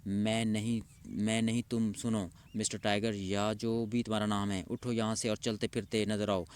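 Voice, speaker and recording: Brief: blustering gangster bully, read by a man, gruff and loud, low voice. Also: level tone, lightly acted.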